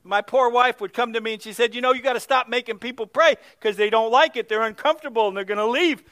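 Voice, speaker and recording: High, bright-voiced male pastor preaching. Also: quick pace, no room sound. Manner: storytelling, swings from loud exclamations to hushed near-whispers. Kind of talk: sermon.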